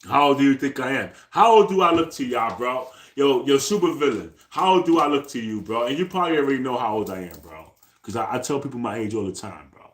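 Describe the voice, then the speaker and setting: A man's voice: medium pitch, lively intonation, fast, few pauses. A man in his forties, chatting casually on a live stream, talking in loose slang, ending nearly every phrase with "bro" and repeating himself to his viewers. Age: 40s. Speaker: livestreamer. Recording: echoey room.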